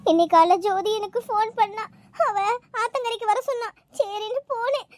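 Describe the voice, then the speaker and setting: An anxious young wife from a cartoon, voiced by a woman, pleading and tearful. Her voice is very high and thin. It is recorded dry and close. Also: no echo. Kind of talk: cartoon voice acting.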